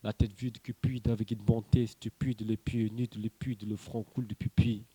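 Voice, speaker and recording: A man's voice: fairly low pitch, flat delivery, normal speed, dark tone, husky, no room sound. A man from Senegal, performing slam poetry in rhythmic declamation full of wordplay and repeated refrains. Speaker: slam poet.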